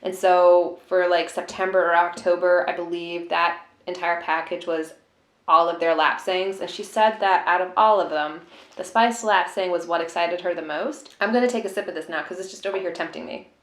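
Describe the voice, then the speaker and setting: A woman's voice: on the low side, fairly even intonation, normal speed, a bit bright. Woman chatting casually in an echoey room. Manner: informal, rambling, hesitant musing. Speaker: tea vlogger. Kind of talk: casual unboxing chat. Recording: roomy, echoey room sound.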